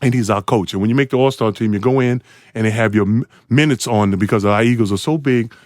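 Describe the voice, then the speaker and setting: A man in his forties tells a lively, playful story as a podcast guest. He breaks into laughter often and leaps up into high, excited voices at the peaks. His voice sits at an ordinary pitch and is recorded dry and close, with no room around it. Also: quick pace, dry recording. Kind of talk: animated storytelling.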